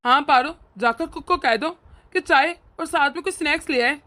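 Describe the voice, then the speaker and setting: A woman's voice: high voice, sharp tone. A woman voicing a hot-tempered young husband and doting brother in a cartoon. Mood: earnest. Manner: earnest, quick to anger. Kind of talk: cartoon voice acting.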